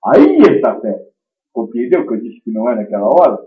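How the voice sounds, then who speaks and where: A man giving a spiritist teaching talk, emphatic and swinging between loud stresses and quiet asides. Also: mid-range voice, wildly swooping pitch, fairly quick. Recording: dull lo-fi recording.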